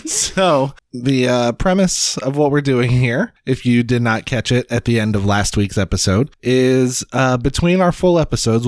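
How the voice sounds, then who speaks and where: A man's voice: medium pitch, a little mellow, no echo. A man co-hosting a casual podcast, explaining the segment and cracking dry jokes. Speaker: podcast co-host.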